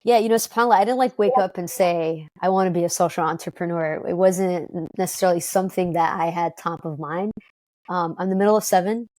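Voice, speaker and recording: Woman guest, lowish voice, dry close sound, chatty and upbeat. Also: steady tone, a little mellow, dry recording. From Detroit, United States. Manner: upbeat, fast-talking, frequent fillers and restarts. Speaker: guest, company co-founder. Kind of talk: conversational interview.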